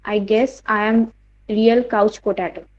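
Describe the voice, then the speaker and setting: A woman's voice: medium pitch, steady tone, unhurried, lo-fi sound. A woman student reading a textbook dialogue aloud with some hesitation in an online class.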